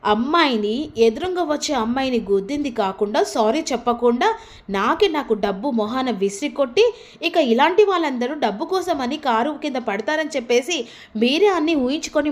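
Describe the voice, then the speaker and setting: A proud, outspoken young woman argues loudly and will not back down, as a woman retelling the story puts her on. Her voice is high and sharp-edged with anger. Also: lively intonation, fairly quick, pauses often. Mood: angry. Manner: loud, quarrelsome.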